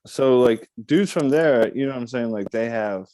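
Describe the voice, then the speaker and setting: A man's voice: medium pitch, moderate pace, mellow, no room sound. A young man hosting a casual podcast chat, loose and profane, riffing and joking with his guest. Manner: loose, profane, riffing with put-on voices and bursts of laughter. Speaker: podcast host.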